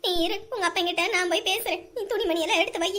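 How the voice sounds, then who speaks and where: A sharp-tongued middle-aged mother, acted by a woman, very high-pitched and quick, scolding and defiant. She fires back at her husband without pausing. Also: slight background noise.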